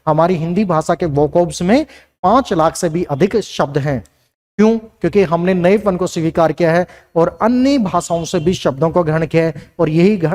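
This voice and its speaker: A man's voice: a little high, a little mellow. A man teaching a Hindi language lesson, who asks questions and answers them himself and repeats key lines. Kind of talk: classroom lecture.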